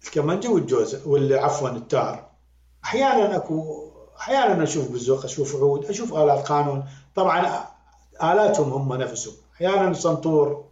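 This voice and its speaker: A man with an Iraqi accent, a music critic and podcast guest, talking in an animated, emphatic way and repeating words to drive his point home. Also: on the high side, fast talker. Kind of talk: conversational critique. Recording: roomy, dull lo-fi sound.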